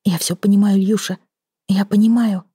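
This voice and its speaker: Woman reading as a high, pleading young female killer. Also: fairly even intonation, a little fast, dark tone, slightly rough, no echo, clean studio sound. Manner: pleading, breathless, rising pitch. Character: desperate young woman confessing to murders. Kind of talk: audiobook reading.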